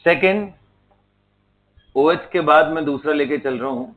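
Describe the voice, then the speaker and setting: Slow tinny-sounding male chemistry teacher. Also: fairly high pitch. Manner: slow, spells out terms letter by letter, checks in with students. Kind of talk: classroom lecture mixing Hindi and English.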